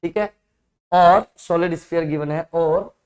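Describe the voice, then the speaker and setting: A man's voice: a little high, steady tone, measured pace, a little mellow. A male physics teacher with an Indian accent, explaining exam problems step by step in an online lesson and checking often whether his students follow.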